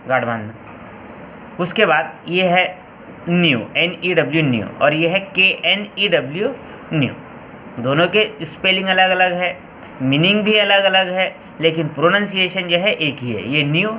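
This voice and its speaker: An Indian male school teacher talks through an English vocabulary lesson, repeating each point and spelling words out letter by letter. His voice sits a little high and sounds bright and forceful. A faint ambience hums behind him. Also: a little hiss or hum, poor audio.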